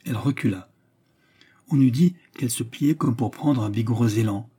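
A man narrating a classic novel as an audiobook in a steady, even reading. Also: mid-range voice, moderate pace, husky. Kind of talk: scripted literary narration.

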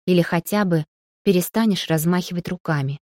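A woman's voice: lowish voice, fairly quick, no echo, studio quality, close to an everyday voice. A woman reading an audiobook, voicing a cool, imperious young noblewoman who talks curtly and sharply. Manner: curt and sharp-tongued.

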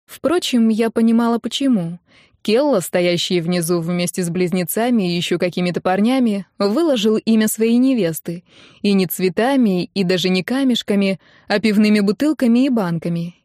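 A woman narrating a comedic first-person audiobook in a wry, lively manner. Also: mid-range voice, normal speed, dry recording, studio quality.

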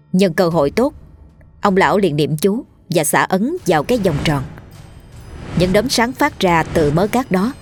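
Speaking with a Southern Vietnamese accent and a fairly low pitch, a woman narrates a ghost story in a lively, colloquial storytelling style.

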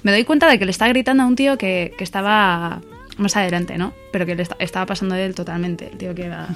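Animated woman telling a story. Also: medium pitch, fast talker, soft background music. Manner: animated storytelling, acts out quoted voices. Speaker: radio show participant. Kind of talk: casual feminist discussion.

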